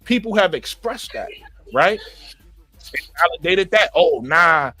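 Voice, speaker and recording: A man's voice: sits high, animated, measured pace, pushed and bright. A man from Brooklyn with a New York accent, talking emphatically in a casual group discussion, repeating phrases and calling people bro.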